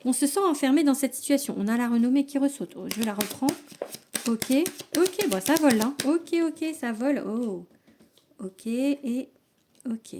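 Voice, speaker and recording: A woman working as a medium, chatting casually to viewers while she reads tarot cards, reassuring them and often pausing with fillers and restarts. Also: high-pitched, lively intonation, noisy background. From France. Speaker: medium giving a tarot reading. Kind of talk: casual spoken card reading to camera.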